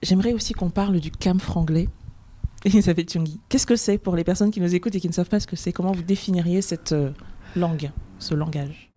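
A woman's voice: on the low side, a little fast, mellow, slight background noise. A woman hosting a podcast interview, asking attentive questions and reflecting on her guest's answers. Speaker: podcast host.

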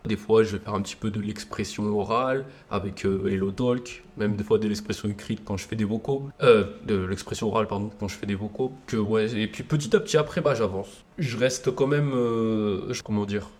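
A young man with a fairly low voice talks about his routine as a podcast guest. He speaks casually but hesitantly, stopping and restarting as he searches for words. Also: brisk, few pauses, darkish tone. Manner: hesitant, many fillers and restarts. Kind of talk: casual interview.

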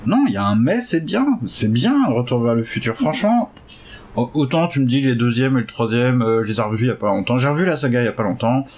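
A man hosting a casual chat who hesitates a lot and jumps up excitedly in pitch now and then. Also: fast talker. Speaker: podcast host learning Chinese.

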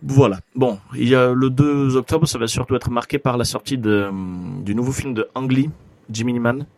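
A man's voice: medium pitch, fairly even intonation, normal speed, darkish tone, no echo. A man hosting a casual radio show about films, talking with many fillers and light jokes. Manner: hesitant, full of fillers, joking.

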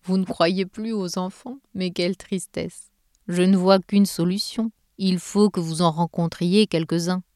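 A kindly old Santa Claus, as a woman voices him, unhurried and reassuring. The mellow voice stays close to her own, with a slow, calming pace. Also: fairly low pitch, no echo, natural voice. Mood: gentle. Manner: slow, soothing.

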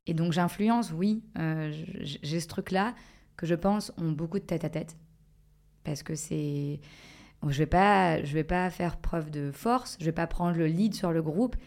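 Lowish hesitant woman podcast guest. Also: measured pace, a little mellow. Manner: hesitant, reflective, many fillers and restarts. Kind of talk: casual podcast conversation.

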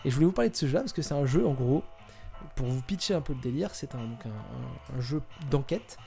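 A man's voice: medium pitch, animated, fast talker, creaky, mellow, faint music behind. A man hosting a casual podcast chat, talking hesitantly with lots of fillers and restarts. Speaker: podcast host presenting a topic.

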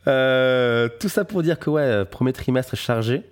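A man's voice: medium pitch, a little mellow. A young man hosting a podcast in casual chat, hesitant and full of fillers. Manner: hesitant, many fillers, friendly. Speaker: podcast host, guitarist.

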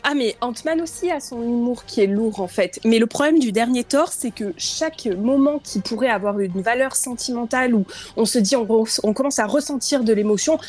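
A woman's voice: fairly high pitch, moderate pace, a little mellow. A woman columnist on a podcast chat, giving frank and emphatic opinions.

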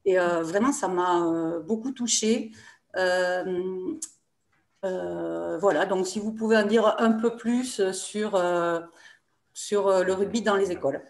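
A woman's voice: lowish voice, slow, a little mellow. Hesitant southern French woman, echoey room. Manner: hesitant, many fillers. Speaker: audience member. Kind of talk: audience comment at a book talk. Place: talk venue. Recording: roomy echo.

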